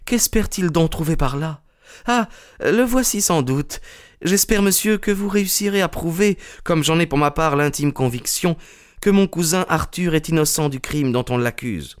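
Audiobook: man playing a composed young woman, sincere, politely answering, higher voice, dry sound. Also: expressive, normal speed, no echo, lightly acted. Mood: earnest. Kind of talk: audiobook character reading.

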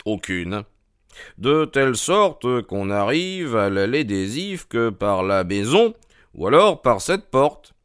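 A man voicing a grave, cautious male country doctor in an audiobook, measured and earnest. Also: medium pitch, very animated, clean tone, no room sound, studio quality. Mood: factual. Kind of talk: audiobook character reading.

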